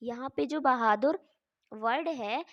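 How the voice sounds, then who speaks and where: A woman's voice: sits high, slow pace, no room sound, highs cut off. A woman teaching English grammar in Hindi, spelling words out letter by letter and asking questions she then answers herself.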